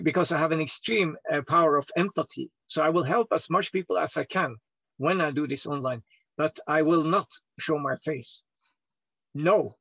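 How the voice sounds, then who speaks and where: Lying indoors far from the mic, this Northern Scandinavian healer rambles through an interview monologue in loud, broken English, his voice shifting from deep to high. The audio has no room sound and its highs are cut off.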